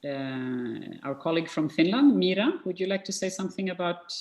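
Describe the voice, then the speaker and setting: A woman's voice: on the low side, lively intonation, fairly quick, darkish tone. A woman hosting an online workshop, talking with many fillers and restarts. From Sweden. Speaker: workshop host. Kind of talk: online meeting moderation. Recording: echoey video-call audio.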